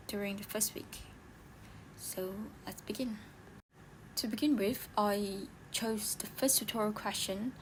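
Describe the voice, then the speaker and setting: A woman's voice: mid-range voice, background noise. A young woman student giving a recorded class presentation, explaining in a casual way with many fillers.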